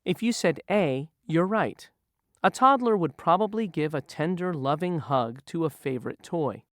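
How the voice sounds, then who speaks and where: With a mid-range voice, lively intonation and normal speed, a narrator runs through slow scripted review questions on word meanings for learners in a vocabulary lesson, sounding patient and teacherly. The recording is studio quality with no room sound.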